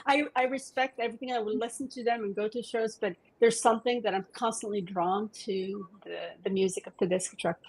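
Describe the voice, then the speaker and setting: A woman's voice: a little high, a little mellow, rough recording. Chatty woman. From Morocco. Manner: eager, rambling storytelling with frequent laughs. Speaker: podcast guest. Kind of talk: casual interview chat.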